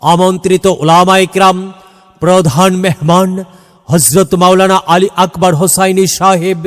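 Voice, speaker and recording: A man's voice: high-pitched, steady tone, a little slow. A man reading a scripted promotional announcement in a formal, declamatory, phrase-by-phrase delivery that edges into chanting. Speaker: announcer of a religious gathering advertisement. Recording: long hall reverb, music behind. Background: music.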